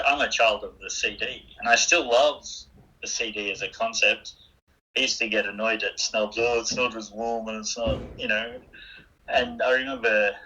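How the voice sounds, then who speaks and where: A man's voice: lowish voice, bright, forceful tone. An older Australian man, a musician guest, chatting casually over the phone in a rambling, self-deprecating way. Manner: rambling, self-deprecating, frequent restarts and fillers. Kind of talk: casual interview chat. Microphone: phone call. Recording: phone-line interview.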